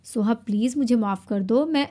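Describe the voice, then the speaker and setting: A woman's voice: on the high side, warm tone, natural voice. A woman voicing a possessive young husband in an audiobook, swinging between teasing and pleading.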